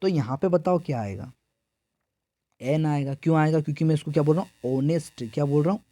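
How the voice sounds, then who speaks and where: This Indian teacher's voice is fairly high in pitch yet dark in tone, and he moves briskly; the recording is dry. Running an exam-prep grammar lesson, he answers the questions he himself asks and repeats every answer again and again.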